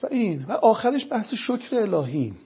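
Here a guest lecturer on religious health talks through his sincere points one after another, telling stories to drive them home. His high voice is sing-song and slightly rough, and the recording has its highs cut off.

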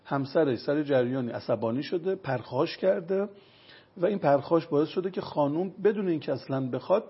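This is explanatory interview talk from a man advising on traditional medicine, who lectures using everyday examples. His voice is fairly high, animated, gravelly and raspy, heard through a dull lo-fi recording.

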